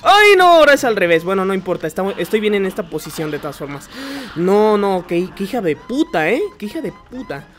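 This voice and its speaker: A man giving gameplay commentary, excitable, yelping and swearing when he gets hit. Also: sits high, fairly quick. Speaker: gamer. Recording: faint music behind.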